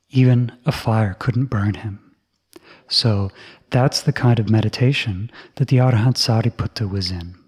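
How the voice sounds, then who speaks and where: A man narrates a Buddhist tale for children in a soft, slow manner. His voice is husky and mid-pitched. He often lowers his words to a near whisper. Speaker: storyteller for children.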